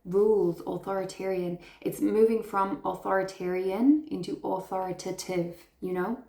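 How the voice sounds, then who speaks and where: A woman's voice: medium pitch, steady tone, moderate pace, vocal fry, warm tone, roomy sound. A woman giving an intuitive tarot reading to her viewers, speaking in an earnest, affirming way and heaping praise on them. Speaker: tarot reader.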